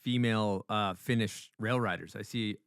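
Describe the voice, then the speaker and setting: A man's voice: lowish voice, normal speed, a bit bright, clean tone, no echo, clean studio sound. A man co-hosting a podcast, chatting in a laid-back way with casual slang. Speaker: podcast co-host.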